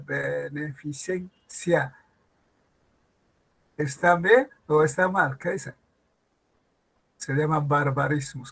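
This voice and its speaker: Slow, gravelly teacher. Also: male voice, fairly high pitch, a bit bright. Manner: slow, drawn-out emphasis on example words, rhetorical questions to students. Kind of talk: classroom lecture on grammar.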